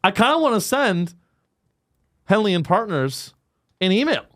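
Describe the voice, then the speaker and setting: A man hosting a podcast, joking crudely and sarcastically in casual chat, often jumping into a high mocking pitch. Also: big pitch swings, measured pace. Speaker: podcast host.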